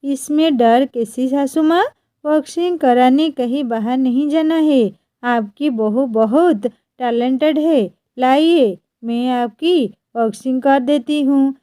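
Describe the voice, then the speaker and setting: A woman's voice: high voice, slow, mellow, no room sound, clean studio sound. A woman voicing a brash, pushy young bride in a bossy, teasing manner.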